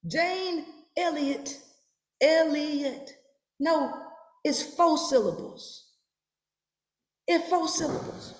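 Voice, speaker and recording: A woman hosting a podcast, giving a mocking, profane reaction commentary with emphatic, sometimes shouted lines. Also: high voice, drawn-out words, pauses often. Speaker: podcast host. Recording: roomy echo.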